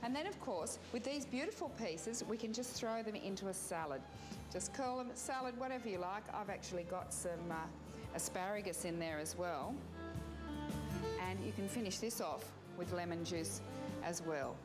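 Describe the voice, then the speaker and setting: A woman's voice: mid-range voice, animated, normal speed. A woman in her forties with an Australian accent, hosting a cooking segment in an informal way. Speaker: cooking show host. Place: small room with metal-lined walls. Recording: music behind the voice.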